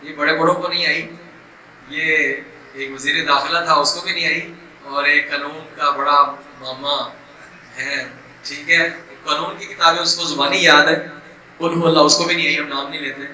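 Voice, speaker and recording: A middle-aged man, teaching Quran recitation and stretching sounds slowly to demonstrate them. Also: a little high, fairly even intonation, pushed and bright. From Pakistan. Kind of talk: recitation lesson. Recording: echoey room, distant mic, faint noise.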